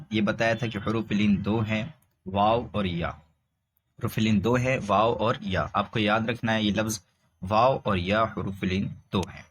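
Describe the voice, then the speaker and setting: A male Quran reading teacher giving a recorded lesson, explaining patiently and repeating points, with slow drawn-out spelled recitation. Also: lowish voice, a bit bright, a little hiss or hum.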